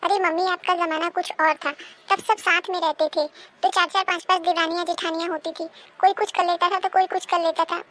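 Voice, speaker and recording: A woman voicing a calm, sensible married daughter. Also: very high voice, brisk. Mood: advising. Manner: soothing, advising, reasonable. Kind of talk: cartoon dubbing.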